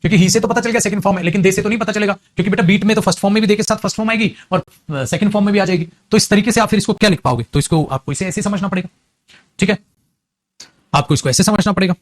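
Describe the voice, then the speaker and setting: An English teacher with an Indian accent, coaxing students and slowly repeating example sentences. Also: male voice, high voice. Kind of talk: classroom lesson.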